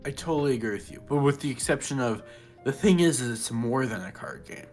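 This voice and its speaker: A man in a casual podcast chat, animated and opinionated, with plenty of likes and ums. His pitch sits in an ordinary middle range. Faint music plays behind him. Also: a little fast. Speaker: podcast co-host.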